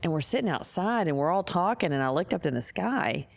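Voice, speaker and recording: Lady host chatting earnestly, slightly low voice, gets lively on the quotes. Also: a little fast, vocal fry. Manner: animated, acts out quotes in a higher voice; earnest, faith-centered. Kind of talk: casual storytelling chat.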